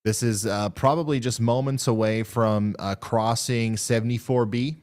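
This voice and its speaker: A man hosting a live severe weather stream, talking through radar updates in a halting, thinking-aloud way. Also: mid-range voice, fairly even intonation, darkish tone, clear, resonant tone.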